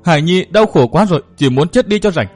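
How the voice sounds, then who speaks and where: A man's voice: on the high side, lively intonation, a little fast, darkish tone, slightly rough, faint music behind. A man voicing a headstrong, jealous young woman who argues emotionally with her godfather. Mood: tearful. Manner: emotional, pleading.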